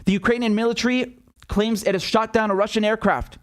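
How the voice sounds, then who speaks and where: A man giving casual, unscripted live news commentary in a rambling, halting way that drifts into tangents. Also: sits high, fairly even intonation.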